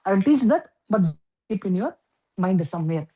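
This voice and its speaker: A woman teaching an astrology class, explaining step by step with frequent okays and pauses. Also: medium pitch, sing-song, warm tone, husky, poor audio. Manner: explains slowly with many okays and fillers. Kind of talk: lecture.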